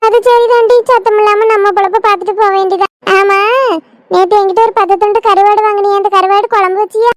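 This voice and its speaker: A woman's voice: very high-pitched, fairly even intonation, a little fast. A woman voicing a bossy middle-aged woman in a cartoon, gossiping and scolding. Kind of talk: cartoon comedy voice acting.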